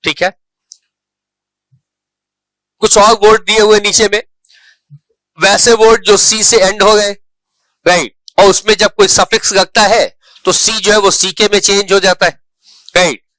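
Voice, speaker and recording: An English teacher gives an online spelling lesson in a high, bright, forceful voice with little pitch movement, recorded with no echo. He explains slowly, repeats example words, and often checks in with "right."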